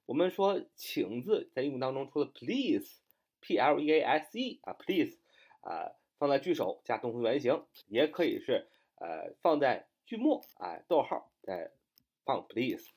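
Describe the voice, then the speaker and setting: A male English teacher explains a sentence pattern at length, often stopping to spell words letter by letter. His voice is mellow and dark, while his pitch rises and falls a lot. He reads his English examples slowly and adds plenty of fillers. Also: big pitch swings. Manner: frequent fillers, explanatory and repetitive. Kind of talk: recorded grammar lesson.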